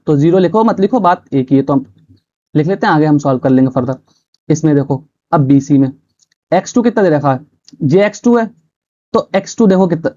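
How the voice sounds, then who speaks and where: A man's voice: sits high, darkish tone, lo-fi sound. A man teaching a math class step by step, asking and answering his own questions as he works each problem. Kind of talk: chalkboard math lesson.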